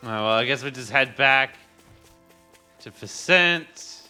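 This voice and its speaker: A man's voice: mid-range voice, measured pace, pushed and bright, clear, resonant tone, soft background music. A man streaming a video game live, reading its dialogue aloud and muttering casual asides.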